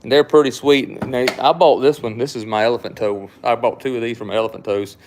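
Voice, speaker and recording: Reading viewer comments on his laid-back livestream, a South Mississippi knife shop owner with a Southern accent rambles and repeats himself. He has a mid-range, somewhat dark voice with a steady tone and brisk delivery, and a faint hiss or hum runs underneath.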